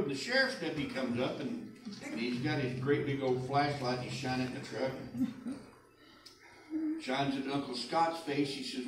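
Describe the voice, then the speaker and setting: A man's voice: a little high, slight background noise. A man telling a folksy tale live, rambling and down-home with plenty of fillers. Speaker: storyteller. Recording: roomy live sound, distant mic, guitar behind.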